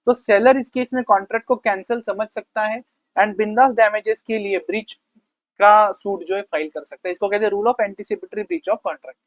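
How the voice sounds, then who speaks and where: A male teacher giving a conversational law lecture. He reads definitions slowly, explains them quickly and casually, and keeps asking the class questions. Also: high-pitched, fairly even intonation, no echo, low-quality recording. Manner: asks the class rhetorical questions.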